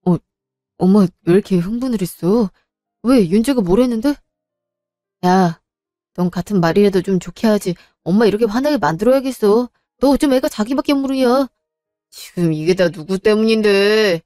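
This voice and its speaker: A woman's voice: medium pitch, lively intonation, moderate pace, mellow, no echo, faint music behind, close to an everyday voice. Woman voicing a resentful younger son in a story drama, blunt and exasperated, dry close sound.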